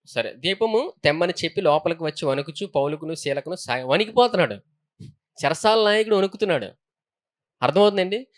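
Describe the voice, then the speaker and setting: Male pastor, high voice, sermon with Bible reading and call-outs. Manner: preaching with frequent hallelujahs and questions to the congregation.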